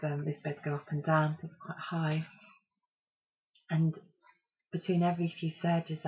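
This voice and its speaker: A woman in her thirties telling her own story in a candid, chatty way, with many ums and pauses, on a muffled home recording. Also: deep voice, darkish tone, breathy edge. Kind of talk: casual personal storytelling.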